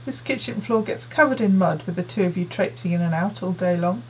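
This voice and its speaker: A woman voicing a busy working mother who fusses and hands out chores in a brisk, nagging way, read as an audiobook character. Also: on the low side, a little hiss or hum, close to an everyday voice, poor audio. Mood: bossy. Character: busy, fussing working mother in her forties.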